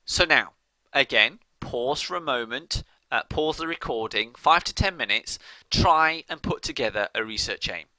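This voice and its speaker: Male lecturer, very bright tone, dry close sound, explanatory with frequent restarts. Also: medium pitch, lively intonation, moderate pace, no room sound, low-quality recording. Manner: explanatory, repeats and restarts phrases, checks with "okay?". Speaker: college lecturer. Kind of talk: recorded lecture.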